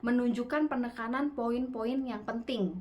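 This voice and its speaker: Brief: female public speaking coach on a webinar mic, relaxed and chatty, lifts and drops her intonation often. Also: fairly high pitch, normal speed, muffled recording. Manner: lively rising and falling intonation; gestures constantly with her hands. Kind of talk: online webinar talk.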